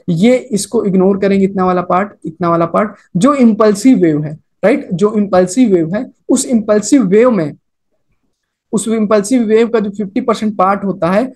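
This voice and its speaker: In a screen-recorded chart lecture, a man with a high-pitched yet darkish voice explains trading. He talks casually, leans on English trading terms, repeats his points and often says "okay" and "right?" to check in.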